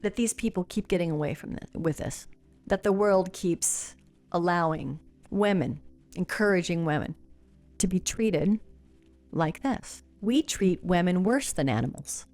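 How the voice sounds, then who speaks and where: A woman's voice: lowish voice, lively intonation, measured pace, darkish tone, soft background music. A woman hosting her own podcast, talking alone in a blunt, angry and profane way, with many fillers. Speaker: podcast host. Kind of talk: casual solo commentary.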